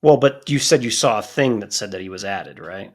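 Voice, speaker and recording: A man's voice: on the low side, lively intonation, brisk. A man co-hosting a podcast in casual chat, blunt and swearing freely, often cutting in over his co-host.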